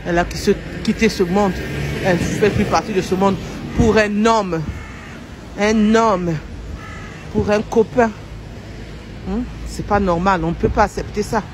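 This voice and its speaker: A woman's voice: medium pitch, steady tone, unhurried, long pauses, background noise. A middle-aged woman from Congo-Brazzaville, giving an emotional personal commentary to her followers, earnest and repetitive, stumbling over words and apologizing. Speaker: social media commentator. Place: home in Paris.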